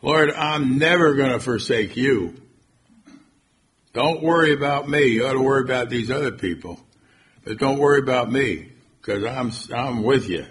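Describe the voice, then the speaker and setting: A man's voice: mid-range voice, moderate pace, background noise, pitched above the performer's own voice, natural voice. A man preaching a sermon briefly voices a boastful apostle who swears he will never abandon his master. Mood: confident. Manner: eager, emphatic declaration. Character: boastful, overconfident male apostle pledging loyalty.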